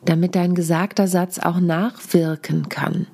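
A woman in her thirties hosting a solo podcast as a speaking coach, talking in a deliberate, coaching way, still a little hoarse from a cold. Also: on the low side, level tone, dark tone. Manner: deliberate, coaching tone, demonstrates stresses. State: lingering cold.

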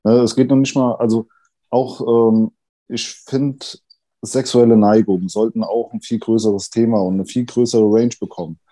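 Dark-voiced man in his thirties, halting. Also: lowish voice, steady tone. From Germany, Italian family. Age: 30s. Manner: halting, thoughtful, many fillers. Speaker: podcast guest. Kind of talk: candid conversation.

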